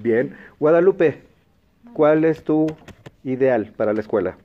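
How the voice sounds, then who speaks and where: A man's voice: mid-range voice, expressive. Mexican man hosting a classroom quiz. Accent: Mexican Spanish. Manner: clear, patient, repeats answer options slowly. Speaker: quiz host and teacher. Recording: dull lo-fi broadcast sound.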